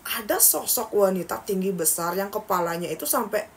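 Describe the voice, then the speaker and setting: A young woman telling a horror story in a casual, chatty way, speaking straight to her listeners and jumping up in pitch at dramatic moments. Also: brisk, vocal fry. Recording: slightly distant mic with faint background noise.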